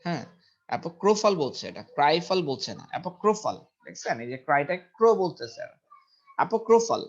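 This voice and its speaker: A man's voice: fairly high pitch, very animated, fast. A man teaching English vocabulary in a casual lesson, repeating each word several times and checking pronunciation aloud. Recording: dull lo-fi recording.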